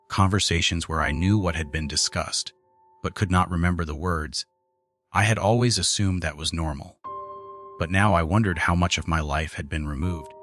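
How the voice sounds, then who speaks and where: A man reading a scripted first-person horror story in a measured, even way. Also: sits low. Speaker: narrator.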